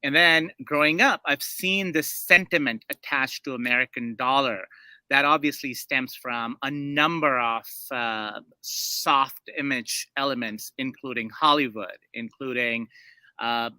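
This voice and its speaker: A man from Saudi Arabia, a guest in an interview, answering in a measured way with frequent hesitations and fillers. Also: medium pitch, pushed and bright, no echo.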